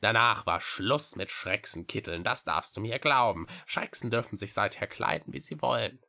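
A man voicing an old female witch-like creature in a storybook reading, slow, drawling and theatrical. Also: lowish voice, expressive, vocal fry, pushed and bright, full character voice. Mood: chatty.

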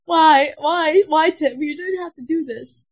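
Her voice high-pitched and a little slow, a young woman chats casually at a home sleepover as a movie plays. She laughs often and swears freely.

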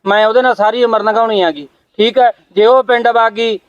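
A man's voice: high-pitched, fairly even intonation, brisk, muffled recording, natural voice. An actor playing a young married son who complains to his father about his share. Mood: aggrieved. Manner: complaining, pleading. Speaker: actor in a family skit. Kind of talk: home-made family drama skit.

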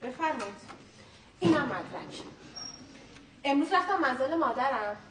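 A woman's voice: sits high, expressive, slight background noise. An actress playing a suspicious young wife who insists her husband has secretly married, in a stage comedy. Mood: complaining. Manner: accusing, insistent. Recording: distant echoey stage recording.

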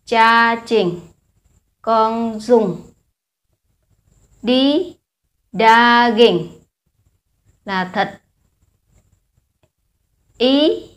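Slow, deliberate Vietnamese woman teaching. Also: a little high. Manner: slow, deliberate, hesitant fillers. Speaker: language teacher. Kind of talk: slow alphabet lesson, reading letters aloud.

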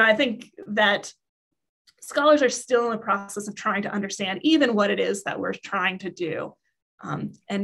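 Woman, interview guest, academic, mid-range pitch, measured and reflective. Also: gravelly, fairly bright tone, slightly rough. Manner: measured, reflective, with light fillers. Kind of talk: conversational interview.

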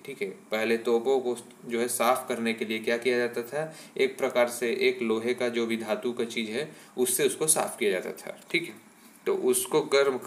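धीरे-धीरे समझाता हुआ हिंदी शिक्षक. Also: male voice, medium pitch, a little hiss or hum. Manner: explains step by step, keeps adding "ठीक है" and asks rhetorical questions. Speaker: teacher. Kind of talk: exam-prep lesson.

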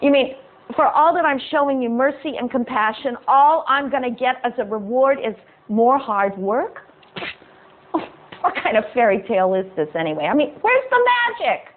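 A woman's voice: fairly high pitch, animated, moderate pace, slight background noise, natural voice. A woman voicing a poor, complaining fisherman who talks in a casual, folksy, whiny way. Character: poor, complaining working-class fisherman, gruff. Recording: tinny phone-like sound.

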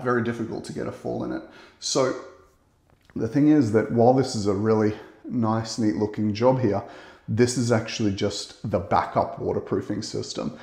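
A man, explaining waterproofing work in a relaxed way as he walks through a bathroom under renovation, filming on a phone. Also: on the low side. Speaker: waterproofing expert. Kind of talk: on-site walkthrough explanation. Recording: echoey small tiled room.

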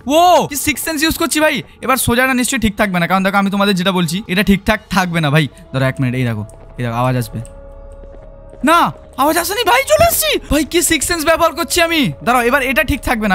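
A man with a Bengali accent giving excitable let's-play commentary as a gaming YouTuber, mixing in English phrases and shouting when startled. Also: high-pitched.

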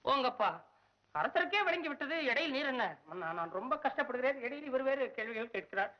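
A broke panicky comic poet, whiny, swings high and low, old muffled film sound. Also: male voice, big pitch swings, fairly quick. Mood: cheeky. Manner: frantic, whiny, jumps between high and low. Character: poor, anxious, comic male poet. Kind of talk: 1960s film acting.

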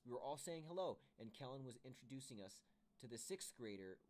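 A man reading a children's book aloud to his kids with expressive storytelling. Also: medium pitch, a little fast.

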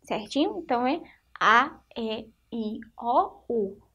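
A woman's voice: fairly high pitch, animated, takes it slowly, sharp tone, slightly rough, muffled recording. A woman teaching a phonics lesson to young children in Brazilian Portuguese. She is patient and keeps asking the class if they follow. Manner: patient, checks in with "tá vendo?" and "certinho?". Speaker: primary school teacher.

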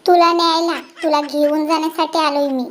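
A performer voicing a brash, show-off young village man in a cartoon, swaggering, with a high pitch-shifted voice. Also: flat delivery, a little fast. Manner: swaggering slang.

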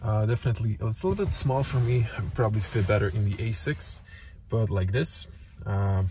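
A young man whose first language is Croatian, giving a casual walkaround car review in a showroom, talking haltingly with many fillers into a handheld camera. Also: on the low side, dark tone, slight background noise. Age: young adult. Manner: halting, many fillers, non-native phrasing. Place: car dealership showroom, inside a car. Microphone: handheld camera close to face.

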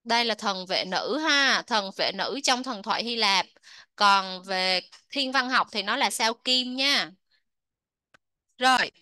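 A woman teaching English with a bright, slightly high voice. She explains the textbook, asks her students questions, and repeats each word slowly so they can say it after her. The sound is dry and close. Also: smooth, dry recording.

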